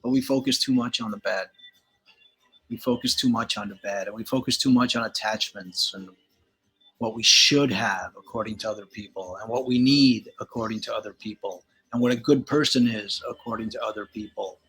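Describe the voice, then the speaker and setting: A man's voice: on the low side, normal speed, fairly bright tone, breathy edge, soft background music. An older man from Galicia, Spain, hosting a casual, rambling slideshow commentary, opinionated and laid-back. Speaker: channel host.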